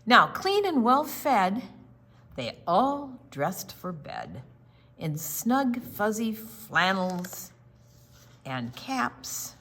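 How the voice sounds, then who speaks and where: Extremely slow and sing-song, a children's storytime reader with a mid-range, fairly bright voice reads a picture book to young kids. She reads expressively, emphasizing words and pausing for small explanations.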